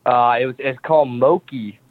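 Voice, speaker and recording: A man's voice: mid-range voice, steady tone, moderate pace, a little hiss or hum. A man from Southern California calling in to a talk show over the phone, talking in an easygoing, slangy way. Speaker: caller. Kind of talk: casual call-in chat. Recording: dry tinny phone line.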